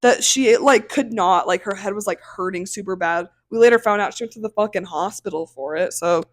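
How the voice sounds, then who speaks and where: A woman's voice: medium pitch, brisk, dry recording. A woman in her twenties co-hosting a podcast, telling a story in casual chat with lots of swearing and laughter. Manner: animated storytelling, swears a lot, laughs often. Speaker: podcast co-host.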